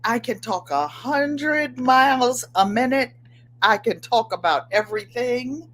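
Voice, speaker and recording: A woman in her seventies from Connecticut, USA, hosts her own livestream from a room at home, chatting excitedly to viewers and gesturing with her hands. She has a New England accent, slightly nasal and twangy, with a fairly high pitch and a measured pace in this casual, chatty talk.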